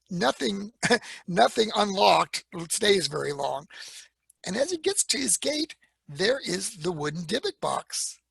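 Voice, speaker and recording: A man telling a story to a library audience, his voice heavily gravelly and husky, with a bright, forceful edge. His pitch swings widely as he acts out the people he quotes, and the sound is close and dry. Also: no echo. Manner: animated retelling with quoted voices and fillers. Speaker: speaker giving a library talk. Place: public library talk.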